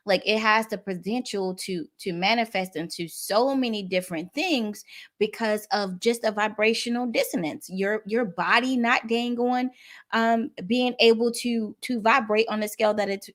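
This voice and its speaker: A woman's voice: mid-range voice, moderate pace. A woman in her thirties, a guest on a talk show, speaking earnestly and with animation, addressing the audience directly. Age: 30s. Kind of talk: casual talk on wellness.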